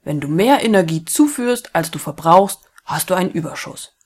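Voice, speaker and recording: A woman voicing a confident male physics teacher in a read-aloud story, with a loud, lecturing delivery and a breathy tone. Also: on the low side, expressive, normal speed.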